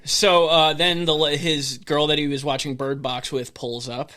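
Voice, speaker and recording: A man's voice: fairly high pitch, fairly even intonation, a little slow, pushed and bright. A man hosting a podcast, recapping a film in casual chat with a rambling, laid-back storytelling style and casual swearing. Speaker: podcast host.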